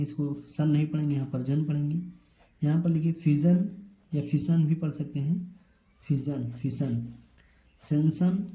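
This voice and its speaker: A man teaching English pronunciation, slowly spelling out each word letter by letter and answering his own questions. His voice is fairly high-pitched but very dark and mellow. The sound is echoey, as if recorded in a bare room. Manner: slow, drawn-out spelling of words letter by letter; asks a question, then answers it himself. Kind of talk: spoken English pronunciation lesson.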